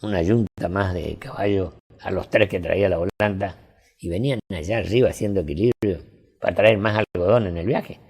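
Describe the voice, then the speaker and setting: Older Argentine man, deep gravelly voice, spins anecdotes in easy conversation. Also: moderate pace, a little mellow. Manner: folksy anecdotal storytelling. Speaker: storyteller. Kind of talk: casual interview chat.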